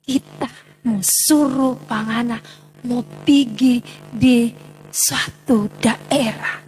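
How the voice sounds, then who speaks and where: A woman with a Manado Malay accent voicing God giving a prophet a slow, firm command. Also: on the high side, steady tone, darkish tone, soft background music, voice pushed down.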